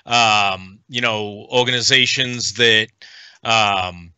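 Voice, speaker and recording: A middle-aged man from the United States, a guest in a casual podcast conversation, speaking earnestly and haltingly with frequent pauses. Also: lowish voice, steady tone, pushed and bright, clean tone, no echo. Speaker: guest, veteran nonprofit advocate.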